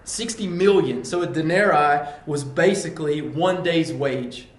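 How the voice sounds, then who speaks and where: A man's voice: fairly high pitch, measured pace, roomy sound. A man preaching a sermon in an earnest way, breaking into acted-out pleas and quotes. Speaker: pastor.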